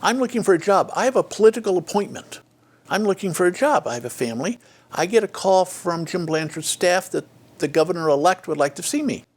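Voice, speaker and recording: In a high, animated voice and at a brisk clip, an older man who served as a state official tells career stories during a reflective interview. His speech is full of fillers and restarts, and he dramatizes the dialogue he quotes.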